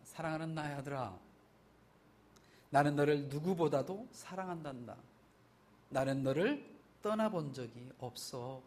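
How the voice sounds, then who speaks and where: God as a loving father, spoken by a pastor with a low, hushed voice that sits well below his preaching tone. The words are soft and consoling, like comfort spoken close. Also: a little slow, close to an everyday voice. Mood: tender.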